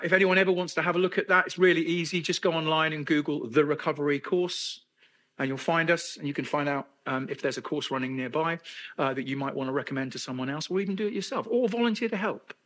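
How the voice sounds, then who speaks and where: A man's voice: fairly high pitch, a bit bright. A middle-aged man from England giving a candid personal testimony at a men's conference, with self-deprecating humor. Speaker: conference speaker.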